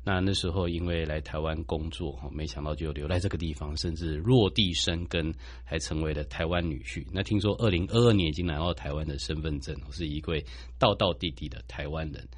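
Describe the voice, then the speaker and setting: Male host, Taiwanese Mandarin accent: very low, husky voice for presenting and interviews. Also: fairly quick.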